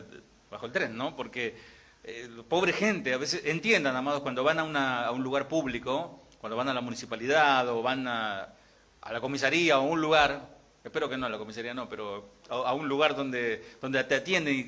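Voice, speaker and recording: A man's voice: medium pitch, sharp tone. A middle-aged man with an Argentine accent, a pastor preaching a sermon in a chatty way, often asking the congregation questions. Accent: Argentine Spanish.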